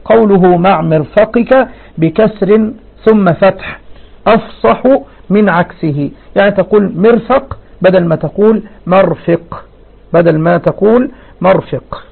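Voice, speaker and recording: A man's voice: sits high, measured pace, creaky. A man giving a religious lesson, reading lines of a text and explaining them with rhetorical questions. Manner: reads verses then explains with rhetorical questions. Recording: phone-like narrow band.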